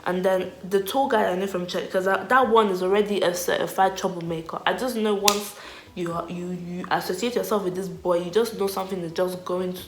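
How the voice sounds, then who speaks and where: A young woman telling a storytime vlog in a chatty, animated way, full of 'like'. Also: on the low side, fairly quick, hardly any pauses. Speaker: vlogger. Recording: echoey room.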